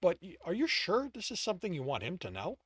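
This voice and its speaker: A man's voice: high-pitched, huge pitch swings, fast talker, fairly bright tone, slightly rough, no room sound, pitched above the performer's own voice, exaggerated voice. A man voicing a wry sentient dungeon.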